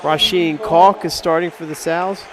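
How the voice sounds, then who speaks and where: A male play-by-play announcer with a slightly high, congested voice that sounds like he is holding his nose. He is under the weather but chats easily through live basketball commentary. A loud gym crowd and bouncing balls are clearly heard behind him. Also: fairly even intonation, a little slow. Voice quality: nasal, stuffy, as if pinching his nose. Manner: chatty, joking asides. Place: indoor school gymnasium.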